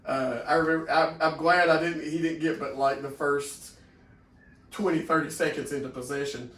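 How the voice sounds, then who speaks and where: A man's voice: on the high side, fairly even intonation, normal speed, a bit bright. A man co-hosting a podcast, telling rambling stories in casual chat. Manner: rambling storyteller, laughs often. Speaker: podcast co-host. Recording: echoey room from far off, faint noise.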